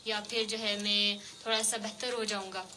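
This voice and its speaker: A woman hosting a radio show, interviewing a child guest with gentle, coaxing questions full of fillers. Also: mid-range voice, little pitch movement, a little hiss or hum. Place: radio studio.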